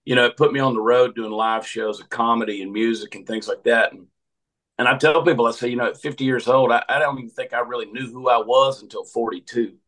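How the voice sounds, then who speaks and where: A man's voice: mid-range voice, steady tone, fast talker, fairly bright tone, low-quality recording. A man of fifty with a Southern American accent, a comedian telling folksy, joking stories in a rambling casual chat. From Georgia, USA. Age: 50s. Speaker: comedian and podcast host.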